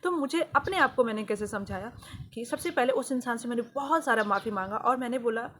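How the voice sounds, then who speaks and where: A woman's voice: fairly high pitch, fairly quick, fairly bright tone. A woman vlogger telling a personal healing story in an earnest, confessional way, often repeating phrases for emphasis. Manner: spiritual, devotional.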